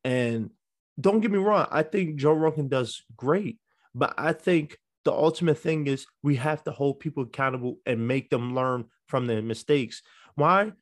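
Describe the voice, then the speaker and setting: A man co-hosting a podcast, making his case in a measured way with many fillers. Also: medium pitch. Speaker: podcast co-host. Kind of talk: podcast debate.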